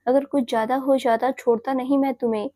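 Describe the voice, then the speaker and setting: A woman's voice: high-pitched, steady tone, brisk, mellow, no echo, clean studio sound, natural voice. A woman voicing a stern, loving young fiancé. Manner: scolding, firm yet tender.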